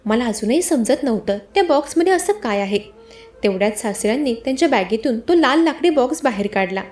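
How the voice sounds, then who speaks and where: High-voiced woman narrating a dramatic story. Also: animated, a little fast, darkish tone, faint music behind. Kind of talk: first-person scripted story narration.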